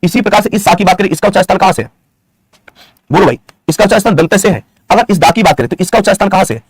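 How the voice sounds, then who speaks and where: A young man from India teaches an online grammar class in a high, slightly husky voice. He talks quickly, repeats each point as a question and its answer, and drills his students fondly. The sound is dry and close, with no room echo. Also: expressive. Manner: affectionate teacher's address to students; dictates definitions slowly, word by word.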